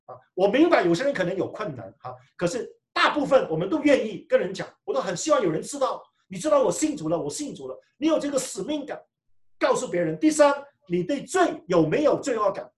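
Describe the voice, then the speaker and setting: A man preaching a sermon and telling his own testimony with animated storytelling, often restarting his phrases. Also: high-pitched. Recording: echoey room, mic far off.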